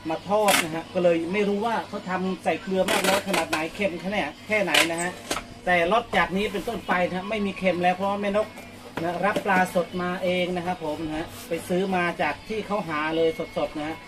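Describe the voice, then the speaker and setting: In front of a coffee shop, a male vlogger packs orders for his fans and chats casually in live vlog narration, tacking polite particles onto every phrase. His voice is high-pitched, fairly even in intonation, and a little fast.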